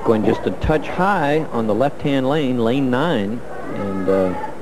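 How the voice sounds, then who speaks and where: A man's voice: mid-range voice, takes it slowly, over loud music, poor audio. A man giving color commentary on a televised bowling match, breaking down each shot in a coaching way. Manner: analytical, coaching-style breakdown of shots.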